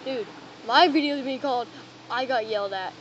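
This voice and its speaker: A young man with a high voice rambles defensively in casual chat while walking outdoors. The phone recording is muffled, and loud traffic noise sits behind him. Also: moderate pace. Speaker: vlogger. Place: outdoors on a city street.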